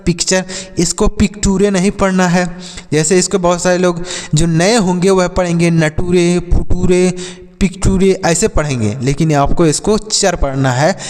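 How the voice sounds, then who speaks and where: Guy teaching kids english spelling, kinda high voice, spells stuff out letter by letter, long echo like a big hall. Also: moderate pace, a little mellow. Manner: asks questions then answers them himself; spells words letter by letter, addresses children. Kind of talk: spelling and pronunciation lesson.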